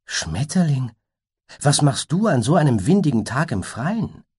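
A man voicing a gentle, weary and hopeful unicorn in a storybook reading, soft and earnest. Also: mid-range voice, big pitch swings, measured pace, slightly rough, pitched above the performer's own voice, heavily acted.

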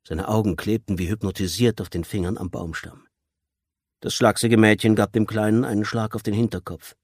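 A man narrating an audiobook in a measured, tense storytelling manner. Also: on the low side, fairly even intonation, a little mellow, no echo, studio quality. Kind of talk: scripted narration.

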